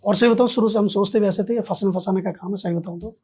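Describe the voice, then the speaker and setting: A man's voice: high voice, quick pace, warm tone, husky. A man, a podcast guest, telling a story in casual conversation and acting out both sides of the dialogue.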